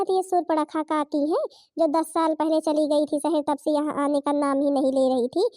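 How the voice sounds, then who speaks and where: A woman voicing a gossiping village woman who scoffs at an old lady's makeup, in a high, dry voice. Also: warm tone, no room sound, natural voice. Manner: scoffing, mocking tone.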